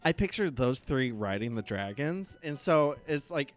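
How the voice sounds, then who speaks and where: Man, mid-pitched voice, campy drag queen manner, sassy casual banter, music behind. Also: animated, moderate pace. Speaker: co-host reviewing a TV episode. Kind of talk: casual chat, recap banter. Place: venue with a small live audience.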